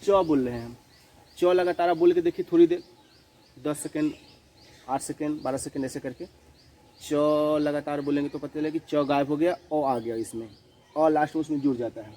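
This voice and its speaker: A man's voice: on the high side, fairly even intonation, mellow, low-quality recording. Patient male teacher repeating each point. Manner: repeats each definition slowly, asks and answers his own questions; mixes in English words. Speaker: school teacher. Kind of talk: classroom grammar lesson.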